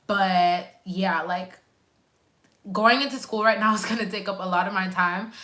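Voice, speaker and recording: Speaking a bit slowly in a medium pitch, this woman's voice is bright and forceful. She's a nurse in her twenties hosting a relaxed live stream on her home couch, chatting animatedly, addressing viewers and reading their comments.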